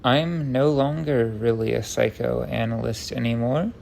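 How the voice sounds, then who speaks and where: A man's voice: medium pitch, a little slow, gravelly, a little mellow, a little hiss or hum. A man rambling through an unscripted, tangent-prone rant, stopping and restarting himself, with wry self-deprecating humor.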